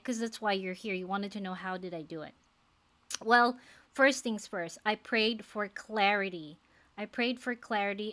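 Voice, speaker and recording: With a medium-pitched, fairly bright voice, a woman in her forties from the Philippines speaks earnestly to camera as a faith-based life coach. English isn't her first language; she has a Filipino accent, talks casually, and uses lots of fillers.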